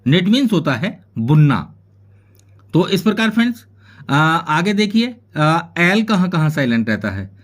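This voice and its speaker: A male English teacher with a fairly high voice. He gives a patient classroom lesson, spelling words out letter by letter and then explaining their meanings. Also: very animated, unhurried.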